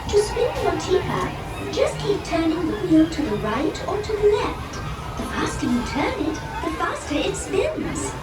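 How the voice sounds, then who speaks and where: Very high, chirpy tea party hostess. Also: female voice, sing-song, a little slow, recorded from a distance, heavily acted. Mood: whimsical, welcoming. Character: whimsical, polite female tea party hostess. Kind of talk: scripted theme park ride announcement. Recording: echoey park speakers, loud music, crowd.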